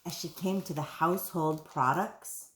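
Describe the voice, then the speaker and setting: A preschool teacher reads a picture book aloud to children and asks them questions. Her voice is low and fairly bright, and she takes her time. The room has a roomy echo.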